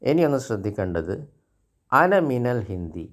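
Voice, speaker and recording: A man from India, giving an Arabic grammar lesson. He speaks slowly through example sentences and asks his learners questions. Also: on the low side, very animated. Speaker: Arabic teacher.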